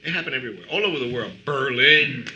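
Rambling storytelling man, very bright voice. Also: mid-range voice, lively intonation, quick pace, lo-fi sound, slight background noise. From Cuba. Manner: rambling storyteller, frequent "you know". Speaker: band member guest. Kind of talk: casual chat.

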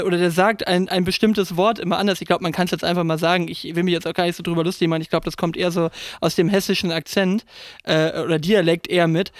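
A man in his thirties with a high voice talks through a casual podcast chat. He rambles, circles back and fills gaps with hesitations. The sound is dry and close, with no room in it. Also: dry recording. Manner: rambling, many fillers and restarts. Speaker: podcast co-host.

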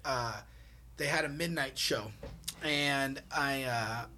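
A man telling a rowdy story in a casual chat, animated and laughing as he goes. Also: medium pitch, slow pace, a little hiss or hum. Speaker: comedian.

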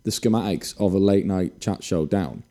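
A man's voice: low voice, moderate pace, dark tone. A man chatting on a podcast, rambling and repeating words, swearing casually. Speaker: podcast co-host. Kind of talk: casual chat.

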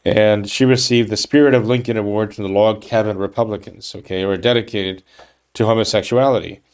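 A man with a somewhat low voice delivers a political commentary monologue. He reads from an article and stops to comment emphatically and indignantly. He often restarts his sentences and ends points with quick tag questions. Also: steady tone, a little mellow, clear, resonant tone. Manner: emphatic, indignant, with frequent restarts and "okay? right?" tags.

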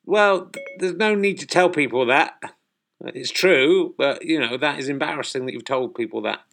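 Annoyed guy arguing with his phone, slightly high voice, spells things out slow. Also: a bit bright, slight background noise. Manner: exasperated, slow and overly clear when addressing the device. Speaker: comic talking to a phone assistant. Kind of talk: comic monologue.

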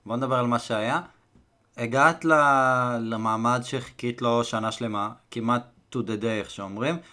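A man hosting a podcast interview, asking questions in a loose, conversational way with frequent pauses. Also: medium pitch, steady tone, pushed and bright. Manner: conversational, hesitant, lots of filler pauses. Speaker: podcast host. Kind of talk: casual interview.

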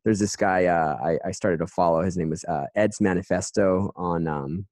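Very deep-voiced male interviewer, dry. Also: darkish tone, no echo. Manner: halting, restarts often, many "um"s. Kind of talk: casual interview.

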